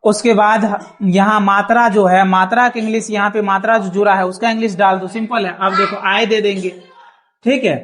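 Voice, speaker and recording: A man's voice: high-pitched, fairly even intonation, brisk, noisy background. Man teaching a class, patient and repetitive. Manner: patient, repeats checks like "thik hai?". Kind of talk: classroom lesson. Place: small classroom.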